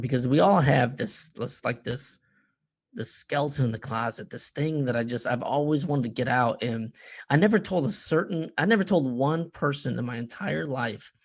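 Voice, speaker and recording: A man in his forties, a podcast guest and author, talking in casual conversation in a halting way, often repeating words as he searches for them. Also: mid-range voice, gravelly, husky. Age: 40s.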